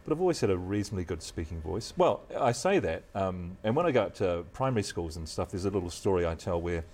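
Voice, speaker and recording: A middle-aged news presenter with a deep voice and a New Zealand accent chats as a guest in a relaxed interview, coming across as modest and measured.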